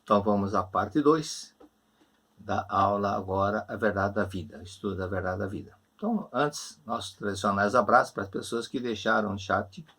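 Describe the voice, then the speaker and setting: Brazilian male lecturer, online class, warm repetitive counsel, raspy voice. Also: fairly low pitch, normal speed. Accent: Brazilian Portuguese. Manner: gentle, repetitive, reassuring counsel. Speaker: religious lecturer. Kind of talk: online religious class answering questions.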